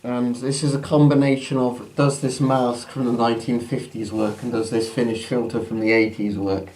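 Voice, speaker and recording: A man's voice: medium pitch, little pitch movement, normal speed, a little mellow. A man talking through a gas mask with a muffled sound, giving a casual unscripted demonstration as a presenter. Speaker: presenter testing military gas masks. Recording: noisy amateur recording with background noise.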